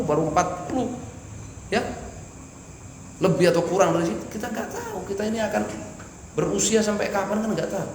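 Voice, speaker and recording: A male religious teacher gives a study lecture in a mosque, reading Arabic phrases and explaining each one in Indonesian, and asking the audience questions that he answers himself. His voice is a little high with a darkish tone. The recording has an echoey hall sound and faint hiss.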